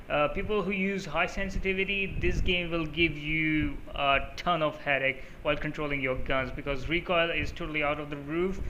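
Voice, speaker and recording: Here a man who speaks Urdu as his first language hosts a mobile gaming channel, loosely walking through settings on a screen recording and filling gaps with plenty of filler sounds. His pitch sits on the high side, pushed and bright. The audio is low quality with slight hiss or hum.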